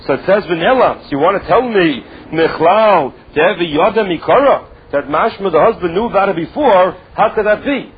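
High-voiced, husky man with a Yiddish accent. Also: expressive, moderate pace, hardly any pauses, narrow, tinny audio. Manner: emphatic, repetitive explaining with rhetorical questions. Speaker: Talmud teacher. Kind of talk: religious text lesson, reading and explaining.

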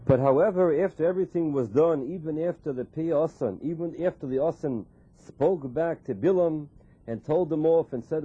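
A man's voice: a little high, mellow, slightly rough. A man gives a Torah lecture as a religious teacher, explaining scripture by repeating and translating quoted phrases. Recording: muffled, phone-like narrow sound.

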